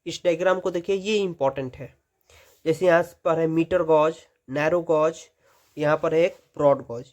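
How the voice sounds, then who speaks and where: A male teacher giving a brisk exam-prep lesson in Hindi, repeating short instructions as he goes page by page. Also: high voice.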